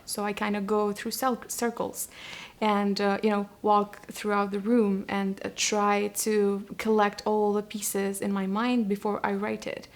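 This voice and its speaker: A young poet and translator from Iraq's Kurdish region answers interview questions reflectively, with many pauses and restarts. She has a Kurdish accent and a medium-pitched voice.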